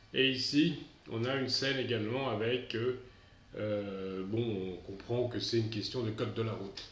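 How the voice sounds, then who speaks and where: A man's voice: medium pitch, roomy sound, muffled recording. A man teaching an English lesson to pupils at home, explaining patiently, repeating himself and restarting his phrases. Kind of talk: recorded remote lesson.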